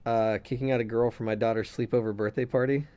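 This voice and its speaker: A man's voice: mid-range voice, steady tone, fast, mellow, smooth. A man co-hosting a casual podcast, reading a listener letter aloud and giving blunt, opinionated takes with some swearing. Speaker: podcast co-host.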